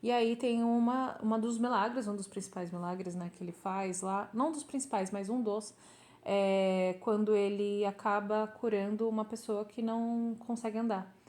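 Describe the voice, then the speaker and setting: A woman hosting a podcast, speaking gently and hesitantly, with many fillers. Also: mid-range voice, fairly even intonation, moderate pace. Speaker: podcast host. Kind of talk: casual interview conversation.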